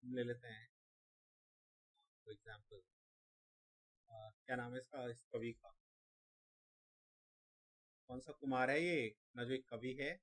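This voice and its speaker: A man teaching exam vocabulary at an unhurried, deliberate pace. He repeats each word over and over and spells it out letter by letter, in a voice of ordinary middle pitch. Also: fairly bright tone. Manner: repeats words slowly, spells them letter by letter. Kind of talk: exam-prep vocabulary lesson.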